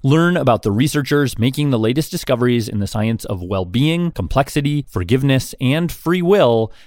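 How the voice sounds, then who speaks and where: A man reading a scripted sponsor message at a steady pace. The recording is dry and close, with no room sound. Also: mid-range voice, normal speed, dry recording. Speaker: sponsor announcer.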